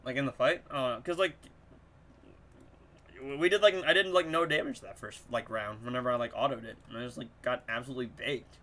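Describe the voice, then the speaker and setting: A man's voice: medium pitch, a little fast. A young man giving casual, joking commentary to his chat while he plays a video game. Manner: excitable, joking, talks to chat. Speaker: streamer.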